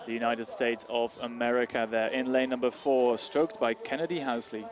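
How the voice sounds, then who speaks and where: A man calling a rowing race live as a commentator, with hesitant phrasing full of small pauses. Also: medium pitch, fairly even intonation. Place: outdoor regatta commentary spot beside the grandstand. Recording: crowd noise behind. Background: crowd.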